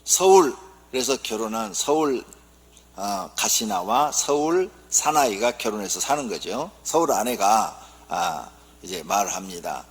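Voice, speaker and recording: A male pastor opening his sermon by telling jokes in a lively storytelling manner. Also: on the low side, measured pace, breathy edge. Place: church sanctuary. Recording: long church reverb.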